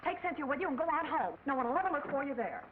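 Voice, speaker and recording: An actress playing a brassy, quick-witted screwball comedy dame, in snappy 1940s film style. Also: female voice, sits high, lively intonation. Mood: urgent, bossy. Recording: tinny, hissy old film soundtrack.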